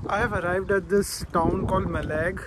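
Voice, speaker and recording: A man's voice: high voice, steady tone, moderate pace, heavy background noise. Enthusiastic young male travel vlogger. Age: 20s. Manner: enthusiastic, talks directly to viewers. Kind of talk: casual travel vlog to camera. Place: outdoors and in a rented cottage while travelling.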